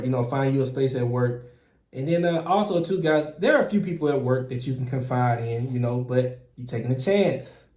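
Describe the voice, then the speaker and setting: Man, earnest, in a roomy echo. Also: mid-range voice. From Mississippi, US. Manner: earnest and animated, frequent "man" and "you know", restarts, chuckles. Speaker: process operator and channel host. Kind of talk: casual advice talk to camera.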